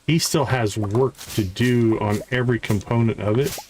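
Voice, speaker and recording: With music in the background, a man narrates his own live gameplay in a medium-pitched, darkish voice at a moderate pace, carrying a slight hiss or hum. This game streamer tosses off short remarks to himself, repeating words while he works things out.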